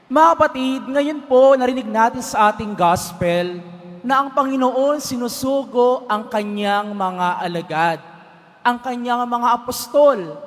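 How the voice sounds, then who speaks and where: A man's voice: very high voice, fairly bright tone. A man, a priest, giving a homily at Mass, telling a story and asking the congregation to answer back. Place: large church. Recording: long church reverb.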